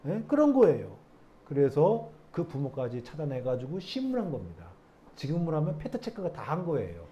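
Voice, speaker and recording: Animated preacher man, lively pitch. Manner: animated, prodding the congregation with rhetorical questions; reads scripture aloud slowly. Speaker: pastor. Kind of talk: Friday prayer meeting sermon. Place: church sanctuary.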